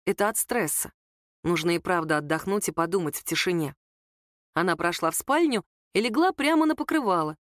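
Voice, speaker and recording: A woman narrating a story aloud in a steady, intimate manner. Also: fairly low pitch, fairly quick, no echo, clean studio sound. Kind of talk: audiobook story reading.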